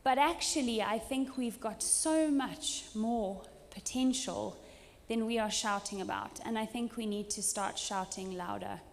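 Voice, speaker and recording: A woman's voice: a little high, a little slow. A woman from Zimbabwe giving an earnest, emphatic keynote speech at a conference, with some ums. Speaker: conference speaker. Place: conference hall. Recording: hall reverb.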